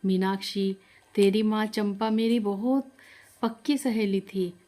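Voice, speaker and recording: A woman's voice: medium pitch, steady tone, takes it slowly, dark tone, close to an everyday voice. A woman voicing a kind, motherly aunt who soothes and reassures a crying girl in a storybook tale. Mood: soothing. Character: kindly motherly aunt, comforting and firm.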